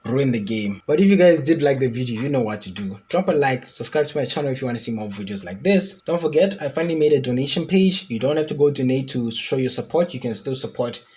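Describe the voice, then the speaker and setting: A man's voice: medium pitch, expressive, fast, hardly any pauses, a little mellow, husky. A man giving casual, rambling commentary as he reacts to a video game trailer. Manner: chatty, rambling, speculative. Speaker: gaming YouTuber reacting to a trailer.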